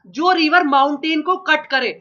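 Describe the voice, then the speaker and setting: This male geography teacher is fighting a cold, coughing occasionally through a sore throat while he runs an exam-prep lecture, asking questions and repeating each answer to drill it in. He speaks a little slowly in an extremely high, steady, bright voice with a forceful edge. Audio quality is lo-fi and dull.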